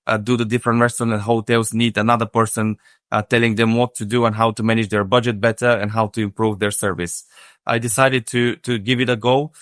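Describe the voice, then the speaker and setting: Man, from Bulgaria, native Bulgarian speaker, podcast guest, flat even delivery, dry close sound. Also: fairly low pitch, a little fast, clean tone, no echo. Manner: steady, methodical, many "uh" fillers. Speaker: podcast guest, hospitality consultant. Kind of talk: casual interview answer.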